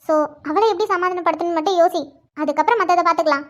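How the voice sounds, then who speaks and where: A calm, caring sister-in-law from a cartoon. Her voice is very high-pitched, and she talks in a soothing, reassuring way. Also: fast. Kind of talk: cartoon voice acting.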